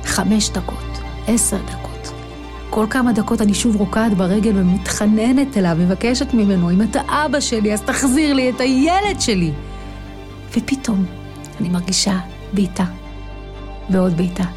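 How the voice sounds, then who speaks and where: A woman's voice: mid-range voice, a little mellow. Woman in her 30s telling her story, vivid and dramatic, faint music behind. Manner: vivid, dramatic retelling with acted cries. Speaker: guest, Chabad emissary. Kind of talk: emotional personal storytelling.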